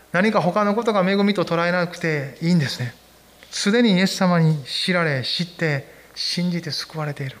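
A male pastor with a notably high-pitched voice delivers a church sermon. He speaks in an earnest, pastoral way and invites the congregation to read scripture along with him. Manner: earnest, pastoral, leads the congregation in Bible reading. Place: church service.

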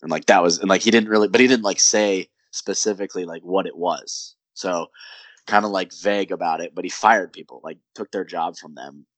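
Low-voiced and brisk, this young sports podcast co-host rambles casually, leaning heavily on "like" and "um" in a relaxed chat. The recording has no room sound.

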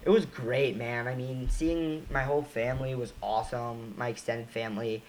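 A young man chatting casually, his voice mid-pitched and relaxed, racing through stories with restarts and quick asides. A faint hiss of room noise sits behind him. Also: poor audio. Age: young adult. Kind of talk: casual chat.

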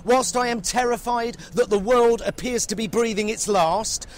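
A man's voice: high voice, slight background noise, exaggerated voice. An actor with an English accent playing a furious, foul-mouthed male TV reporter in a comedic rant, sarcastic and swearing heavily. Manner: angry, sarcastic, swears heavily, shouts at times. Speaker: satirical reporter character.

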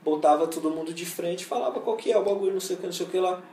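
A Brazilian man in casual chat, talking in relaxed street slang. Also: high-pitched, very fast. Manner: slangy, keeps saying "mano" and "bagulho". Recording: roomy, distant mic, faint noise.

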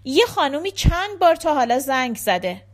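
Woman reading a curt quiet husband, short answers, fairly high voice. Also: sing-song. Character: quiet husband behind a newspaper, middle-aged man.

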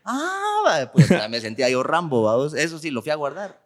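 A Guatemalan man, a stand-up comedian guest in a casual podcast chat, telling animated stories and acting out voices. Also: medium pitch, a little fast. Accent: Guatemalan Spanish.

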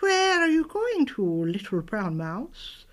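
Slinky storybook snake played by a woman, luring, drawn-out, slow, animated. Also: fairly high pitch.

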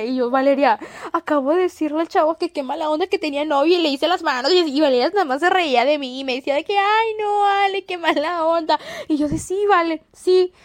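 A young adult woman with a Mexican Spanish accent hosts a casual storytelling podcast in a high-pitched voice, recorded dry with clean studio sound. She's chatty and slangy, giggling and acting out quotes as she tells her anecdotes.

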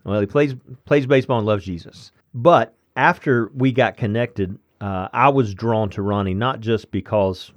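A man with a fairly low voice hosts a faith podcast in an easygoing, earnest way. He speaks close to the mic in a dry, dead room, with the odd filler as he settles into conversation. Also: moderate pace, few pauses, dry recording. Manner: earnest, relaxed and friendly, with fillers. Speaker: podcast host.

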